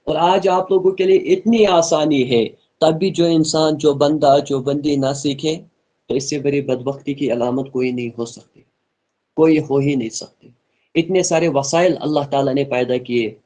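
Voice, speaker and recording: A man's voice: a little high, warm tone. Earnest man teaching Quran recitation. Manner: earnest, repeats points and models slow melodic recitation. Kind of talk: online tajweed lesson, explaining and slowly reciting.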